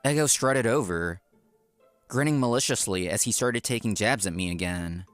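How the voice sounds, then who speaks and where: In a comic dub, a man plays an earnest, polite office worker telling his own story in scripted first-person narration. His natural voice sits fairly low and moves at a moderate pace. The recording is dry, with faint music in the background.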